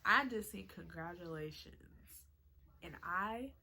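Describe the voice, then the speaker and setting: A woman around twenty telling a storytime vlog in a chatty, excitable way, full of "like" and "y'all". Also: lowish voice, a little slow, creaky, rough recording. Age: 20s. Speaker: vlogger.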